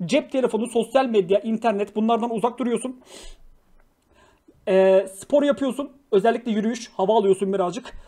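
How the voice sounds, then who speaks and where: High-pitched young guy on a livestream, slangy and jokey, swears a lot and blows up then says sorry. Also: fairly quick, warm tone. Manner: swears freely, flares into angry outbursts then apologizes; slangy, jokey, affectionate with viewers. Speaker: livestream host. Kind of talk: casual livestream chat reading viewer messages.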